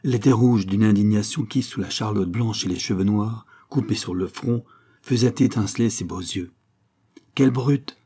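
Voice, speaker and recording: A man narrating a short story in a measured, dramatic manner. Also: fairly low pitch, warm tone, a little hiss or hum.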